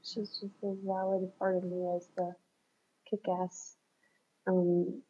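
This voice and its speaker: A woman's voice: lowish voice, level tone, takes it slowly, warm tone, slightly rough, highs cut off. A woman on a reflective coaching call, talking thoughtfully and searching for words, laughing often. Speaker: coaching client.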